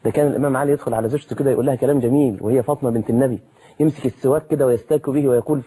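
A man with an Egyptian accent preaching a colloquial sermon in an animated, dramatic way, jumping up in pitch to stress a point. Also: breathy edge, low-quality recording. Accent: Egyptian Arabic. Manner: animated, dramatic, rises sharply in pitch for emphasis.

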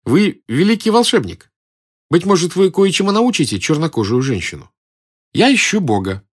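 A man voicing a bold, blunt young woman with a lively, questioning way of speaking. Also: a little high, normal speed, voice pushed up. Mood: curious.

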